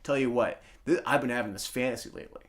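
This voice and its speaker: Man, comedy podcast co-host, improvised banter, excitable ranting, middle pitch, voice spikes loud when worked up. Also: quick pace.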